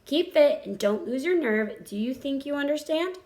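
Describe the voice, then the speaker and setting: A woman voicing a motherly female spider in a storybook, cool and collected, comforting and gently firm as she gives measured advice. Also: high-pitched, animated, pitched above the performer's own voice.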